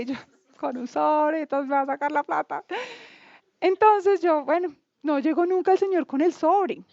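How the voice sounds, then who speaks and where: Bogotá woman in her thirties, high voice, candid self-mocking testimony, slightly muffled dry recording. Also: a little mellow, dry recording. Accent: Bogotá Colombian. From Colombia, Bogotá. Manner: candid, chatty, self-mocking, acts out quoted dialogue. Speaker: testimony speaker. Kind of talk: casual spoken testimony.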